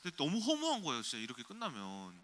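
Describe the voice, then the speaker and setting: A male pastor preaching a sermon, telling personal stories in an animated way. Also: a little high, fast talker. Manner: animated, anecdotal storytelling. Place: church sanctuary.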